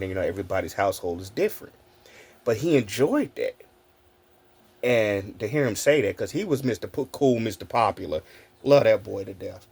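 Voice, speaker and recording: Husky, lively man telling stories. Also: lowish voice. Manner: animated, laughs often, talks straight to viewers; casual, with frequent swearing. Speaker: content creator. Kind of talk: casual storytelling vlog.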